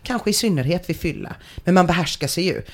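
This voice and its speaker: Brief: podcast host, animated delivery, sarcastic and laughing often, casual comedic reading of forum posts. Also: medium pitch. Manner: dry, sarcastic commentary with frequent laughter.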